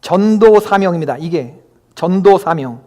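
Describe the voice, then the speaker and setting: High-voiced pastor preaching in a reverberant church. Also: male voice, expressive, measured pace, mellow. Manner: emphatic, keeps asking the congregation questions. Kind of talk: sermon. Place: church sanctuary. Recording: long hall reverb.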